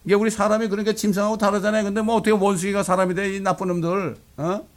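A man's voice: sits high, flat delivery, very fast. A male pastor preaching a fiery, blunt sermon, with coarse insults thrown in.

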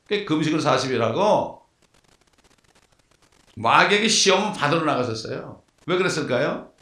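Gravelly preacher with rhetorical questions. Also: male voice, a little high, lively intonation, normal speed, bright, forceful tone. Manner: emphatic, rhetorical questions to the congregation. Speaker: pastor. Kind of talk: sermon. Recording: echoey, from far off the mic.

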